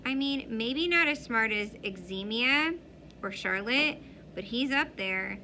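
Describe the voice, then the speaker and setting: A woman reading a story aloud in an expressive way. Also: fairly high pitch, slow pace, a little hiss or hum, low-quality recording. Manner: expressive, shifting into character voices. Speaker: audiobook reader. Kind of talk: storybook read-aloud narration.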